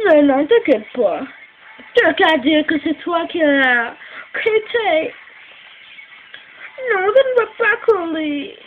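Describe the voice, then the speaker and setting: High-voiced woman dubbing every role. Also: narrow, tinny audio, a little hiss or hum. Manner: switches pitch for each character, often tearful. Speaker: fan voice actor doing all parts. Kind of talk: homemade fan dub of a doll drama.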